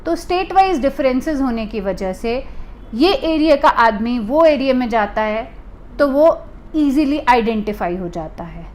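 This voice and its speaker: A woman from India who runs a private detective agency explains things to the camera in a deliberate way, restating her points for emphasis. She has a high voice.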